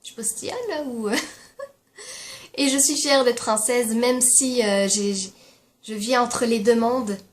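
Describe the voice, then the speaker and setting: A young woman in her twenties from France, with an accent that drifts between French and Québécois. She chats candidly to camera in a casual vlog, pausing on frequent fillers. Her voice sits slightly high for a woman. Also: lively intonation. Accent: mixed French and Québécois. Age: 20s. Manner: candid, chatty, with hesitant fillers. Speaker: YouTuber.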